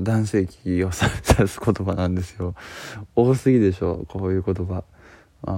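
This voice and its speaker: A man's voice: sits low, dark tone, dry recording. A man with a Kansai accent chatting casually to camera, joking and using many fillers. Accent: Kansai Japanese. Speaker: video creator. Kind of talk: casual talking-to-camera vlog.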